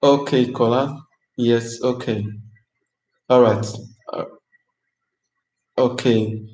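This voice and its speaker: A man's voice: mid-range voice, fairly even intonation, slow, darkish tone. A man hosting a live-stream question-and-answer chat, chatty and upbeat, often repeating his phrases. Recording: roomy echo.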